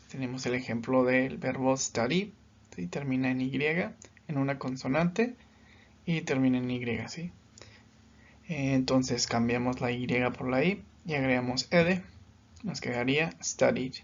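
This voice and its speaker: A man gives a recorded grammar lesson, walking through each rule slowly and patiently. His voice sits at a middle pitch. The recording is dull and lo-fi. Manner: patient, explains step by step, often checks with "¿sí?". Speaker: English teacher.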